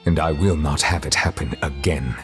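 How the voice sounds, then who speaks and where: In game audio over soft music, an actor plays a stern, dignified male chief justice whose questions are formal, measured and grave. His voice is extremely low with a steady tone.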